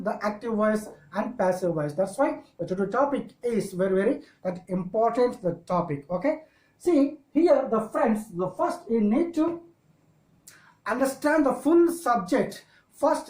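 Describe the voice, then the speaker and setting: A woman with a Telugu accent, a native Telugu speaker, teaching an English grammar lesson in halting, repetitive phrases. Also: fairly high pitch, a little mellow. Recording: echoey room.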